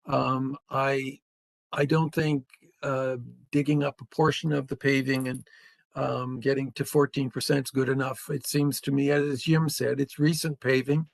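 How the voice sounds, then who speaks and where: A Canadian man on a planning committee giving measured, hesitant remarks at a public hearing. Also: medium pitch, level tone, creaky, no echo. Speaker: committee member.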